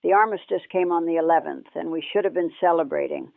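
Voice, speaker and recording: A woman telling her memories of nursing in a somber, measured way, heard through an old lo-fi recording. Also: lowish voice, vocal fry, no room sound. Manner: somber, measured storytelling in short clauses. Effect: old lo-fi recording, tinny like archival radio. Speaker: former war nurse recounting memories. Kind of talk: first-person spoken memoir. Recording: tinny, dry old radio-style recording.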